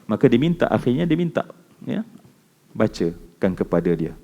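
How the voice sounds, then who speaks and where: Malaysian preacher with a mellow voice. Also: male voice, fairly low pitch, big pitch swings, normal speed, creaky, highs cut off. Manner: storytelling, swings between loud exclamations and hushed recitation. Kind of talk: mosque lecture. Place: mosque.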